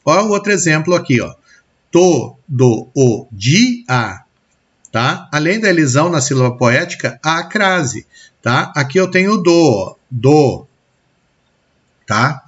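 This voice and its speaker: A man's voice: a little high, lively intonation, normal speed, fairly bright tone, breathy edge, dull audio. A man with a Brazilian Portuguese accent teaching a recorded lesson on poetry, explaining step by step and checking in often with his students.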